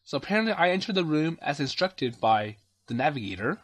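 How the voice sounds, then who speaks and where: A man's voice: fairly high pitch, sing-song, brisk, fairly bright tone. A man casually commenting on a story game, hesitantly summarizing and paraphrasing the dialogue with many fillers. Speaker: let's play commentator. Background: game music.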